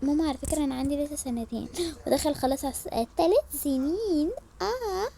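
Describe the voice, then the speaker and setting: An Egyptian woman telling a role-play family story, switching quickly between the voices of a mother and her children. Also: high voice, vocal fry, warm tone. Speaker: storyteller voicing all characters.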